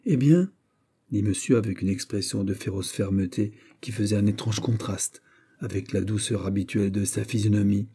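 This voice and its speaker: Dark husky male audiobook narrator. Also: on the low side, level tone, fairly quick. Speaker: audiobook reader.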